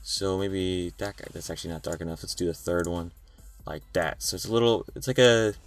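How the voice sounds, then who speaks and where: Young guy walking thru a design tutorial, deep low voice, kinda tired and rambly, faint music and typing behind. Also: fairly quick. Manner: tired, relaxed, rambling with fillers. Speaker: tutorial host. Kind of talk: screen-recorded software tutorial.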